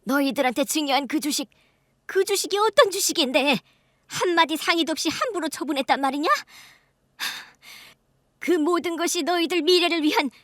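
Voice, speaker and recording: Picture a furious father roaring at his grown kids in a radio drama, voiced by a woman. The voice sits high and bright. It is recorded close and dry. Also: dry recording. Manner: shouting, scolding. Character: stern, furious middle-aged father scolding his grown children.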